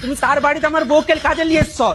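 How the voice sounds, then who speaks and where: A man's voice: extremely high pitch, fairly even intonation, rapid-fire, noisy background. A man playing a town drunk husband in a comedy skit, rambling coarsely, wheedling and scolding. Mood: scolding, outraged. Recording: loud music over dialogue.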